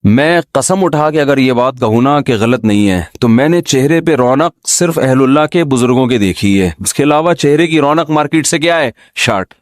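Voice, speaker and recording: A man's voice: mid-range voice, expressive, hardly any pauses, dry recording, studio quality. A man giving an informal, humorous religious talk, often throwing rhetorical questions at his listeners. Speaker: Islamic scholar giving a talk.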